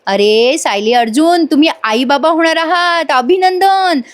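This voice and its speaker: A woman voicing a delighted older mother-in-law who speaks warmly. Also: sits high, unhurried, pitched above the performer's own voice.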